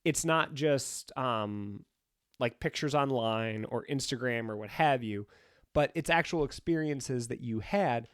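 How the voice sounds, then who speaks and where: A male podcast co-host with a nasal, pinched-nose voice, blocked up by a cold. He chats casually and teasingly at a middling pitch. The sound is dry and close. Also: measured pace, a bit bright, smooth, no echo. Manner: joking, teasing banter. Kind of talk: casual unscripted podcast chat.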